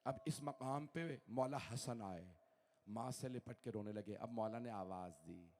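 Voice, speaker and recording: A man from Pakistan reciting a mournful sermon at a large gathering, his delivery swinging from hushed to wailing, shouted grief. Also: mid-range voice, unhurried, a little hiss or hum. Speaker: Shia cleric reciting a majlis.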